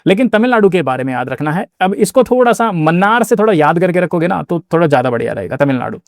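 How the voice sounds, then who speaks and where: A man's voice: a little high, sing-song, fast talker, vocal fry, no room sound, studio quality. A man teaching an exam-prep geography lesson in a casual, chatty way, repeating key words and building memory tricks. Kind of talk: mnemonic-based geography lesson.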